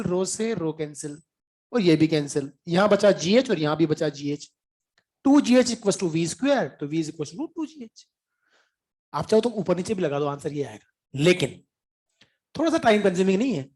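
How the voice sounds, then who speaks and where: A man with a high, darkish voice gives a chatty, informal physics lecture. He mixes in English terms, occasionally clears his throat, and checks whether the class is keeping up.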